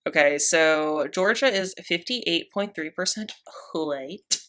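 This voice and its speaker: A woman's voice: sits low, slow, a bit bright. A young woman in her twenties, co-hosting a podcast in casual chat, wry and sarcastic, a little tipsy. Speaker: podcast co-host.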